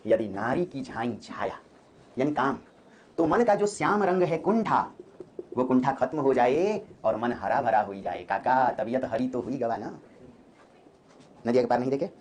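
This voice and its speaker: कक्षा में हिंदी साहित्य पढ़ाता एक पुरुष शिक्षक, जो बार-बार छात्रों से सवाल पूछता है।. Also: male voice, mid-range voice, a little hiss or hum. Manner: lively, quizzes students with quick questions. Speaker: Hindi literature teacher. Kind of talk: classroom lecture. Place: classroom.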